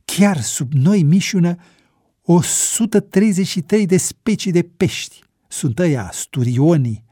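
A man voicing an excitable young know-it-all who chatters eagerly. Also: on the high side, no room sound, clean studio sound, voice pushed up. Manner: excited, quick questions.

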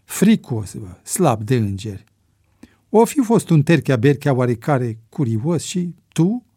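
A man's voice: mid-range voice, big pitch swings, dark tone, breathy edge, no echo. A man voicing a cocky, ironic young fugitive in an audiobook, speaking in a dry, mocking way.

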